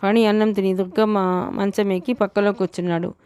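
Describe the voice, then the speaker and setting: A woman's voice: medium pitch, brisk, smooth. A woman narrating a novel as an audiobook, reading evenly and often correcting herself. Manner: even storytelling with frequent self-corrections. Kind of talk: novel read aloud.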